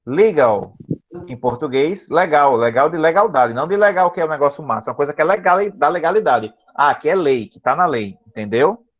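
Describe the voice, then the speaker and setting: A tired male teacher explaining vocabulary to a class over a video call, patient and slow, often checking that students follow. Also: a little high, muffled recording. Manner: patient, repeats words slowly and checks understanding often. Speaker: English teacher.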